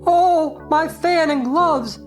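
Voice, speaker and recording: Lady doing a worried rabbit from a storybook play, high voice, drags out the fretting. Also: faint music behind. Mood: panicky. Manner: fretful, drawn-out exclamations. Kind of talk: theatrical audio drama acting.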